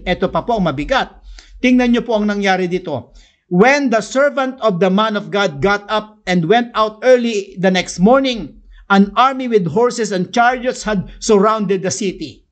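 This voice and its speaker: High-voiced Filipino preacher. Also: male voice. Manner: switches between Tagalog and English, slows down to read verses. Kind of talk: sermon.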